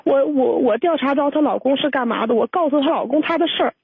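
A woman calls in to an advice show and tells her grievance in a rambling, hesitant way, often restarting her sentences. Her voice sits a little high and sounds gravelly and husky. It comes over a dry, tinny phone line. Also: quick pace, dry recording. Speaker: caller. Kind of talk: call-in confession.

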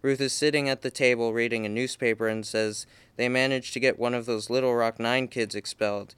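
A man reading a story aloud in an amateur way, with halting restarts and slips. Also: mid-range voice, fairly even intonation, a bit bright, clear, resonant tone, no echo. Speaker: reader.

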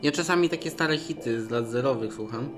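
A man's voice: medium pitch, fairly quick, echoey room, over music. A man co-hosting a casual chat podcast, telling rambling stories with a giggle. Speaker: podcast co-host.

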